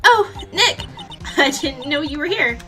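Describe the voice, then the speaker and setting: A woman voicing an excitable seventeen-year-old girl sidekick, eager and gushing. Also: measured pace. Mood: excited. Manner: eager, gushing, high and loud. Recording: clear music behind.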